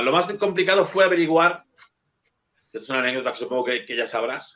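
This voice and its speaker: Lively storyteller on a tinny line. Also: male voice, mid-range voice. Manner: lively storyteller, swears casually. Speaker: bookseller and guest. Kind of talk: casual anecdote telling.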